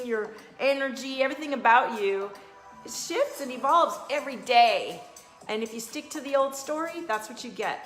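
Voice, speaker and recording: A fairly high-voiced woman coaching viewers on a live stream, chatty and motivational in tone. Her voice rings in an echoey room, with faint music playing behind her. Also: a bit bright. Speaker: life coach and energy reader. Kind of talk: casual live-stream talk.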